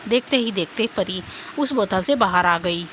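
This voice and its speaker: A woman narrating a cartoon story in a steady storytelling manner. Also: medium pitch, normal speed, a little hiss or hum.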